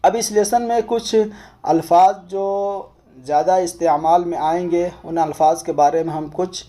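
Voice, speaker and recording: A teacher with a Pakistani Urdu accent explains a lesson slowly and patiently, naming letters one at a time. His voice is fairly high and sits in a very bright, tense register. He works through each point in order, repeating key words. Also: steady tone. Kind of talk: recorded language lesson.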